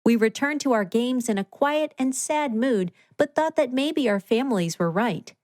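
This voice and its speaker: A woman narrating a scripted children's story in an expressive read-aloud manner. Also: a little high, moderate pace, dry recording, clean studio sound.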